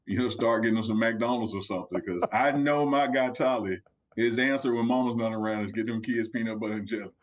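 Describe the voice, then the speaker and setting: A man's voice: mid-range voice, fairly even intonation, quick pace. A man with a Southern US accent and a folksy drawl, chatting casually about sports as a commentator on a talk show.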